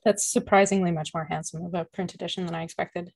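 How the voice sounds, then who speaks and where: A woman's voice: on the low side, fast talker, slight background noise. Wry woman co-host chatting. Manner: wry, animated storytelling. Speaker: podcast co-host. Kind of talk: casual book-club chat.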